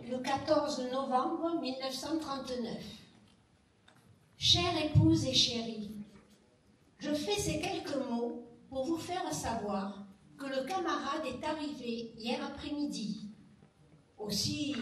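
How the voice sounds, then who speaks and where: A woman with a fairly high voice reads letters aloud at an unhurried pace. She is heard from some distance in a very echoey room. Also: slight background noise. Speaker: reader of wartime letters. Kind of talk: slow public reading of letters.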